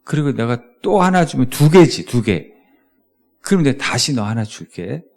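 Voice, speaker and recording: A man voicing a male schoolteacher who explains slowly and carefully, his voice rising as he grows exasperated. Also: mid-range voice, sing-song, a little mellow, voice pushed up. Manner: slow, over-articulated explaining, voice rising. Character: patient then exasperated adult male schoolteacher.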